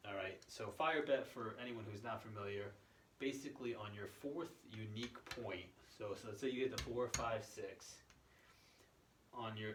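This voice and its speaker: A man's voice: lowish voice, a bit bright. Man explaining in an echoey room. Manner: conversational, step-by-step, checks in with "okay" and "right". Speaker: presenter of a gambling strategy tutorial. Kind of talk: informal explanatory walk-through. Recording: echoey room, distant mic, faint noise.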